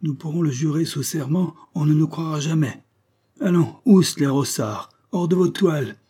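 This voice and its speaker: Vieux loup de mer grognon, argot de matelot, timbre voilé, joué par un homme. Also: male voice, medium pitch, animated, moderate pace, warm tone, voice pushed up. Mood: gruff, bossy. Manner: barking orders, rough sailor slang. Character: gruff bold old male sea captain.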